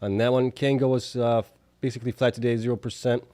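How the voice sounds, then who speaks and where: A man's voice: medium pitch, flat delivery, fast talker, dark tone, no room sound. A man hosting a casual stock market recap, reading out figures informally with offhand asides, slightly affected by allergies. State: allergies, with coughing and sniffles. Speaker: host of a stock market video show.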